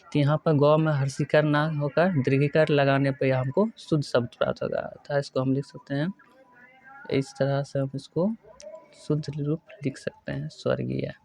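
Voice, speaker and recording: A male teacher giving a spelling lesson, working through words one by one and repeating each correct form slowly. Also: mid-range voice, level tone, creaky, darkish tone. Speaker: Hindi grammar teacher. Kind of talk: exam-prep lesson.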